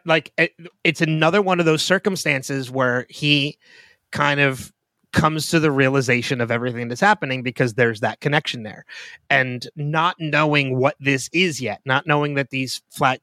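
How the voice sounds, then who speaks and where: A man's voice: mid-range voice, normal speed, dry recording, clean studio sound. A man co-hosting a podcast, chatting casually and thinking aloud about a TV episode. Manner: relaxed, laughs easily, thinks aloud. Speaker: podcast co-host. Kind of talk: casual chat.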